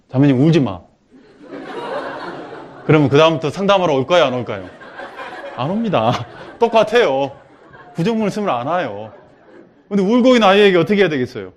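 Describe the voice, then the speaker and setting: A man preaching a practical church lesson, who acts out short spoken examples and jumps from quiet explanation to loud, laughing bursts. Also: mid-range voice, lo-fi sound. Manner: lively, acts out quotes with sudden loud bursts. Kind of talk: church teaching talk.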